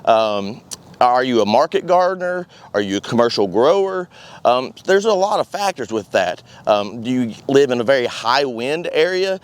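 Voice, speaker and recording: A man in his thirties speaks to camera as a company presenter outdoors. His voice sits at a middle pitch, and he explains things in a plain, folksy way, like an informal product walkthrough. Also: very animated, normal speed, smooth. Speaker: company presenter for greenhouse kits. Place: outdoors at a greenhouse demo yard.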